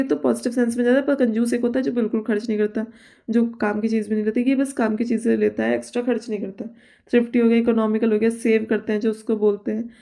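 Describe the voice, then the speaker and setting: Female vocab tutor, mellow, monotone delivery, self-correcting. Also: fairly high pitch, creaky. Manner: explains by listing synonyms, checks with "theek hai"; reads English example sentences slowly and deliberately. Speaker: vocabulary teacher. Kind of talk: exam-prep vocabulary lesson.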